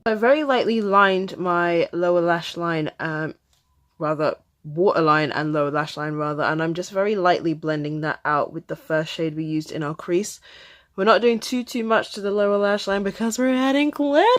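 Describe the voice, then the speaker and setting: A woman vlogger talking through a makeup tutorial step by step in a chatty way, sometimes dropping to a soft murmur while she concentrates. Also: on the low side, normal speed.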